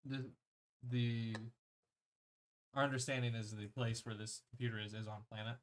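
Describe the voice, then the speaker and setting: A man's voice: medium pitch, steady tone, moderate pace, a little hiss or hum. A man playing a tabletop game with friends. He plans aloud, often restarting his sentences. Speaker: player. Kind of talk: casual tabletop game chat.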